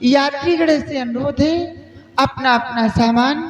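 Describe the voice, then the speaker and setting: A man doing a high, echoing female station announcer over the loudspeaker. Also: fairly even intonation. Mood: formal. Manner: formal, measured announcing.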